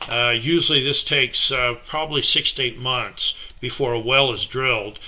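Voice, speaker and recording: A middle-aged man giving a relaxed, unhurried slideshow talk about a mission project, with many fillers. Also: medium pitch, slight background noise. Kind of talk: casual slideshow presentation.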